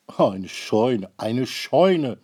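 A man voicing a gruff, distracted old ark builder in a read-aloud storybook, speaking loudly and impatiently. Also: medium pitch, very animated, drawn-out words, pitched above the performer's own voice, exaggerated voice.

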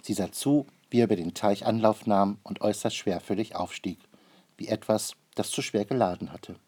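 A man narrating a children's storybook aloud in a calm, expressive way. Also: fairly low pitch, moderate pace, slightly rough.

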